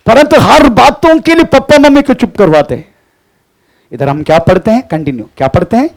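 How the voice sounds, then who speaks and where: A man's voice: very high-pitched, animated, brisk. A middle-aged male pastor preaching a sermon, often breaking in with praise the Lord and echoing the Bible reader's lines. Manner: repeats the reader's lines, frequent "praise the Lord" and "haan" interjections.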